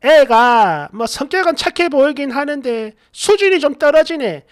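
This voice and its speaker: A man voicing a sneering, spiteful middle-aged mother who scolds in a shrill, scornful way. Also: big pitch swings, normal speed, dry recording, studio quality.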